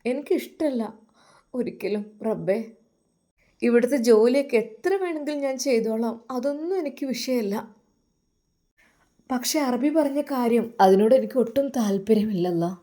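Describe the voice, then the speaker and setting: Figure: frightened young housemaid voiced by a woman. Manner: soft, pleading. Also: fairly high pitch, moderate pace, long pauses, close to an everyday voice. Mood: distressed. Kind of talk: storytelling voice acting.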